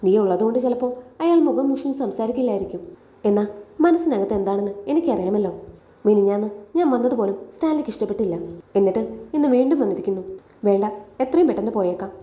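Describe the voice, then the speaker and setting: A woman voicing a gentle, apologetic middle-aged father who talks in a quiet way in an echoey room. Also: mid-range voice, lively intonation, fast talker, lightly acted. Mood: subdued.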